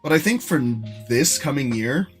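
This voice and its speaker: A young man streaming live, rambling casually to his chat with lots of fillers and restarts, in what he calls a monotone voice. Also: on the high side, moderate pace, soft background music. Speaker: streamer and animator.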